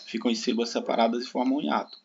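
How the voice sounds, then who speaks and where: A man's voice: medium pitch, very fast, vocal fry. A Brazilian man teaching an online exam-prep grammar lesson in a patient, explaining way, often checking in with his students. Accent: Brazilian Portuguese. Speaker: Portuguese teacher. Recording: dull lo-fi sound with steady background noise.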